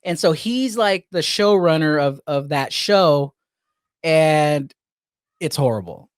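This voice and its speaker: A man's voice: on the high side, animated, slow pace, smooth, no room sound, studio quality. A man co-hosting a podcast in casual chat, easygoing and chatty, laughing often. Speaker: podcast co-host.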